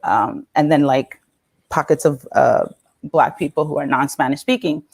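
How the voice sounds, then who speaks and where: A woman's voice: low-pitched, normal speed, a little mellow, breathy edge. A woman from the Dominican Republic, a guest on a talk show, speaking candidly and laughing often, with many fillers. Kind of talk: casual interview talk.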